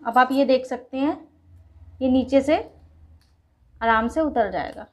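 Unhurried and high-voiced, a woman hosting a cooking channel takes viewers through a recipe one step at a time. She works in her home kitchen, which has a gas stove. Her manner is patient and instructive, and she speaks to her audience like friends.

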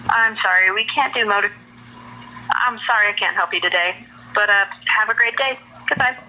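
A woman working as a telemarketer, rushing through a scripted sales call. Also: mid-range voice, sharp tone. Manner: rushed, scripted telemarketer delivery. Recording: noisy telephone line.

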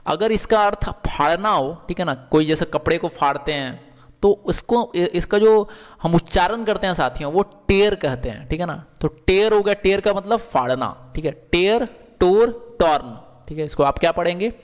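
Man, teacher, slightly high voice, long reverb, repeats questions to students. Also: expressive, normal speed. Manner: repeats questions and answers them, many filler checks. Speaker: English grammar teacher. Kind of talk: Hindi lecture on English verbs.

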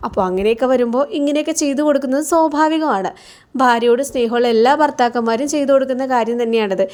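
A woman voicing a young married man calmly explaining himself to his mother. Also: on the high side, racing, close to an everyday voice. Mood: reasoning.

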